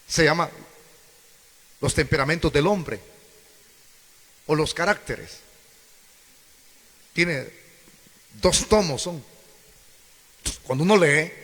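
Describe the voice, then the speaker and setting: A man's voice: high voice, creaky, pushed and bright, husky. A man preaching a sermon, questioning the congregation and acting out quoted voices. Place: church hall. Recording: echoey church hall.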